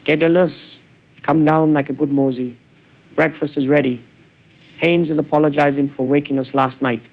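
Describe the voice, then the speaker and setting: A man's voice: fairly high pitch, fairly even intonation, normal speed, gravelly. Synthetic man doing a boisterous young jester. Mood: teasing. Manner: hearty, teasing, theatrical. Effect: synthetic voice clone. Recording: phone-like narrow band.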